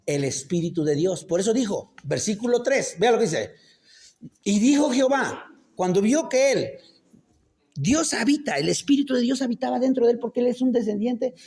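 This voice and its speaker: A man's voice: very high voice, expressive, normal speed, vocal fry, darkish tone. A man preaching a casual sermon. He keeps quizzing the congregation with rhetorical questions and makes joking asides. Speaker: pastor. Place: church.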